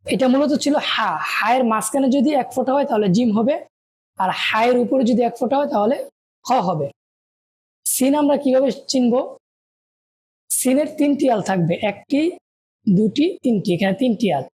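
A woman's voice: on the high side, moderate pace, long pauses, darkish tone, a little hiss or hum. A woman teaching Arabic letters, patiently calling out each one and asking and answering her own questions. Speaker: Quran reading teacher.

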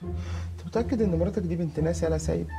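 An actor playing a whiny, starving Egyptian brother. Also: male voice, high-pitched, very fast, music in the background, lightly acted. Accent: Egyptian Arabic. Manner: whiny, pleading, self-pitying. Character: hungry broke brother begging for food. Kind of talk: TV comedy series acting.

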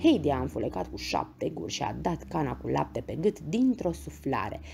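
A woman reading a bedtime story aloud in a gentle, expressive way. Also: low voice, gravelly, slight background noise.

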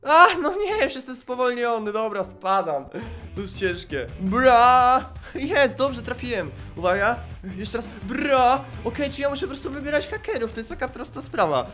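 Excitable young gaming streamer. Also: male voice, extremely high pitch, fairly quick, faint music behind. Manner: excitable, screams and laughs, talks to viewers. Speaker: gaming YouTuber. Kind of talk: excited gameplay commentary. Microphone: desk microphone with webcam.

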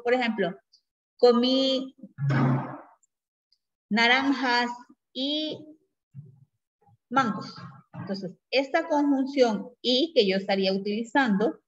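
A woman teacher giving a grammar lesson who explains patiently and keeps checking in with her class through quick tag questions. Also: a little high. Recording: dull lo-fi recording.

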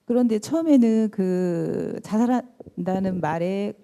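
A woman's voice: mid-range voice, gravelly, warm tone. A woman in her forties, a mother of two sons, hesitantly asking a question at a dharma talk. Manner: hesitant, halting.

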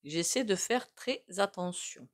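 A woman's voice: mid-range voice, animated, a little slow. A woman with a regional French accent doing a casual spoken tarot reading, musing aloud in a loose, conversational way. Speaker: tarot reader and psychic.

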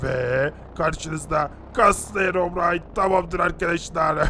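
A bragging, taunting racer in a Minecraft cartoon, played by a man. The voice is gravelly, sharp-edged and pitched a little high. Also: a little fast, a little hiss or hum. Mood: boastful. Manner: boastful and taunting. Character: boastful muscular boy racer Herobrine. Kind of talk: Minecraft animation voice acting.

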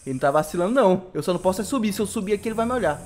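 A young man with a Brazilian accent giving excitable, slangy live commentary over gameplay and laughing often. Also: high-pitched, rapid-fire. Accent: Brazilian Portuguese. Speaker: gaming YouTuber.

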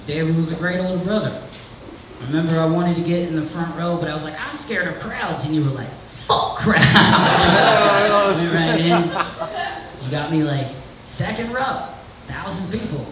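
A man doing live stand-up storytelling, animated and laughing as he tells the story and calls out to his brother in the crowd. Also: on the high side, normal speed. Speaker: stand-up comedian. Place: live comedy venue. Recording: echoey room, distant, loud ambient noise.

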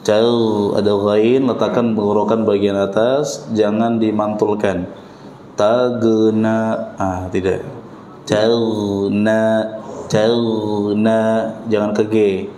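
Brief: Indonesian male tajwid teacher, deliberate and unhurried, dark mellow tone, echoey mosque room. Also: lowish voice, steady tone, slight background noise. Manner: patient, demonstrates pronunciation slowly and repeats drills. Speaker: Quran recitation teacher. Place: mosque hall.

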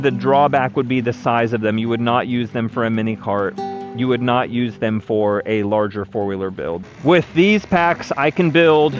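A man in his thirties giving practical, matter-of-fact advice while riding a four-wheeler outdoors, recorded on an action camera. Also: medium pitch. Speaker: vlogger, electric vehicle builder. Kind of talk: casual explanatory ride-along talk. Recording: dull lo-fi action camera audio with music underneath. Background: background music.

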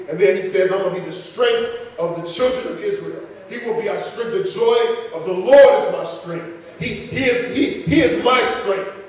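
A pastor delivers a fervent, repetitive sermon in a church sanctuary, tossing casual asides to the congregation. His voice sits high with a darkish tone. The recording is echoey, captured from far off in the hall.

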